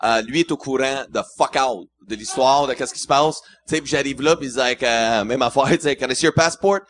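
A man's voice: medium pitch, a little fast, fairly bright tone. A man with a Québécois accent, a guest comedian telling a story on a podcast, slipping into English for quotes. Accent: Québécois French.

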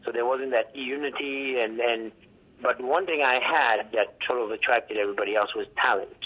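An artist and art professor with a heavy Haitian accent recounts his story as an artist in a phone interview, reflective and halting, restarting sentences and acting out the dialogue he quotes. His voice is of ordinary pitch, coming through a narrow, tinny telephone line with slight background noise.

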